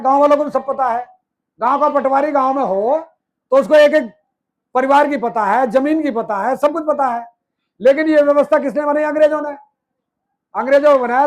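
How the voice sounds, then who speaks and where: A man giving a political speech to an audience, firing rhetorical questions and answering them himself, piling up repeated phrases. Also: extremely high pitch. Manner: emphatic, repeats phrases in lists. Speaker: movement speaker.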